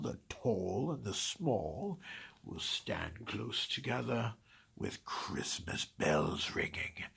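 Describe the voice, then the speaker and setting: A grumpy, scheming Grinch who hates the holidays, told as a dramatic storybook reading. The voice sits low, gravelly and rough, dropping to hissed whispers and swinging up into loud sneering outbursts. He drags the words out slowly, savoring every bit of spite. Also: full character voice. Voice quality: gravelly, raspy. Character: grumpy scheming green male holiday-hater.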